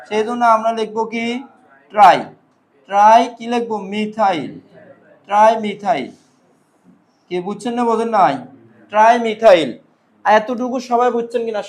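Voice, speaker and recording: High-voiced male chemistry teacher. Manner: drills students with repeated questions and answers. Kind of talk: classroom lecture with call-and-response questions. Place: classroom.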